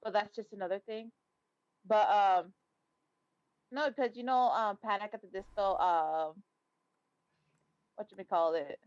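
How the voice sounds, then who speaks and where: A woman in relaxed group chat on a voice call, rambling from one thing to the next and swearing freely. Her voice comes through dry and a little dull, like a lo-fi call line. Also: medium pitch, measured pace, pauses often, no room sound. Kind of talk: casual chat.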